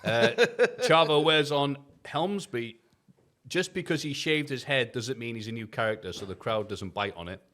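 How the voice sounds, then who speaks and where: A man's voice: mid-range voice, normal speed, fairly bright tone. A man co-hosting a wrestling review podcast, reading his written recap in a jokey, casual way, swearing and laughing often.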